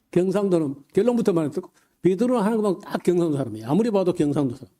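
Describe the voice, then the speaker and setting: Man, preacher, dark and mellow timbre, a bit higher-pitched, halting folksy Bible talk with fillers and quick bursts. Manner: folksy and humorous, mimicking regional speech. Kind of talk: conversational Bible lecture.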